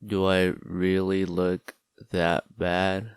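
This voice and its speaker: A man doing a slow, hesitant voice for an awkward, gloomy character. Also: low voice, completely flat delivery, clear, resonant tone, no echo, clean studio sound, faint music behind, pitched below the performer's own voice.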